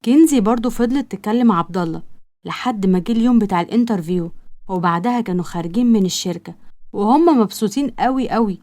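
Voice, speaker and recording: A woman with an Egyptian accent narrating a romance story in a brisk, matter-of-fact way. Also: mid-range voice, expressive, mellow. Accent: Egyptian Arabic. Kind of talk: scripted narration.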